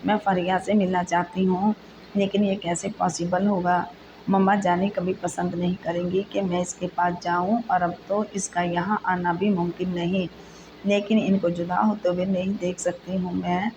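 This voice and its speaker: A woman's voice: fairly low pitch, normal speed, dull audio, natural voice. A woman voicing a young wife who speaks earnestly and from the heart. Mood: worried. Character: young wife, emotional and affectionate. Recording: steady background noise.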